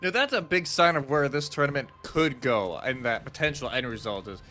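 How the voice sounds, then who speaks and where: A commentator delivers conversational live esports analysis, explaining things casually over music playing in the background. His voice is medium in pitch, expressive and sharp, at a moderate pace.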